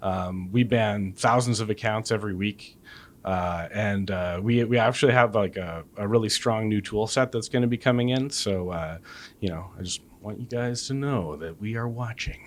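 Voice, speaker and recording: Low-voiced guy, game dev answering questions, lots of uh and you know. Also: normal speed. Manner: hesitant, many restarts and fillers. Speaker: game developer. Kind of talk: casual interview answers.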